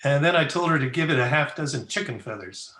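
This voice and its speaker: An actor playing a crusty, teasing frontier town doctor in an old-time Western radio play, with dry, folksy banter. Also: male voice, fairly high pitch, lively intonation, quick pace, bright, forceful tone. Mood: wry, teasing. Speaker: actor in an amateur radio drama. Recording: roomy, echoey video-call recording.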